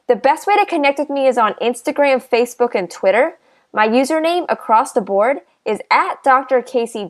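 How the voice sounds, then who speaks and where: A woman's voice: fairly high pitch, dry recording. A woman hosting a podcast interview, chatty and casual, with frequent fillers and repeated words. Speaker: podcast host.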